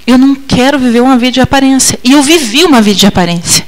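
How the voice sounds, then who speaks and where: A woman missionary preaching a testimony sermon, emotional, with dramatic swings in pitch and loudness, acting out her own past replies. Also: very fast, poor audio.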